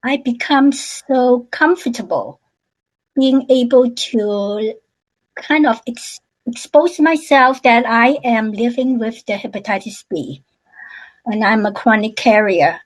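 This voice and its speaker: On a webinar panel, a Hong Kong woman with a fairly high pitch shares her personal story haltingly, with many fillers and restarts. The recording quality is rough.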